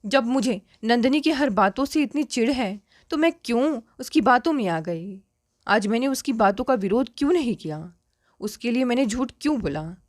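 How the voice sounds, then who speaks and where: A woman narrates a family story in the first person, steady and earnest. Her voice sits a little high, and the recording is close and dry, with no room sound. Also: normal speed, no echo.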